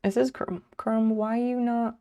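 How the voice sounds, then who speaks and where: A woman's voice: fairly high pitch, fairly even intonation, unhurried, mellow, smooth. A woman live streamer chatting casually while sleepy and yawning, rambling and swearing offhandedly.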